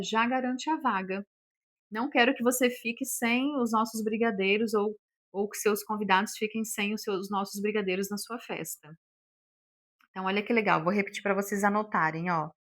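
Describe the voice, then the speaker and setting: A woman teaching a relaxed online class on selling. She talks in a chatty, everyday way, her voice sitting in a middle pitch. She leans on fillers and acts out example lines as she goes. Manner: chatty, explains with sample phrases, many fillers. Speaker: sales instructor. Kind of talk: casual online lesson.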